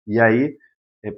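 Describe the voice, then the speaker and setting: A man's voice: medium pitch, slightly rough. A man, a psychologist talking casually on a podcast and explaining with rhetorical questions. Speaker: psychologist guest.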